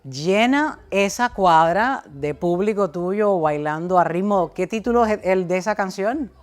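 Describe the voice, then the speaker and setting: A woman's voice: mid-range voice, expressive, measured pace, soft background music. A woman hosting a talk show, interviewing her guests in a conversational way and doing announcer-style sign-offs.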